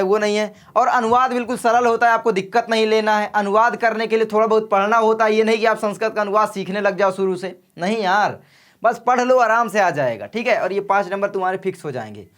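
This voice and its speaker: Man, young, high voice, sore throat, friendly exam coaching, direct. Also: brisk, fairly bright tone. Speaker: exam-prep teacher. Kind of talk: casual exam coaching lesson.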